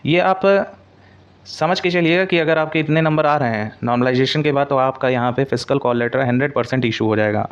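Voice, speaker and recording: In dull, lo-fi audio, a male coaching presenter gives an informal explanatory update, slipping English words into his speech and repeating points for emphasis. His mid-range voice is clean and a little fast.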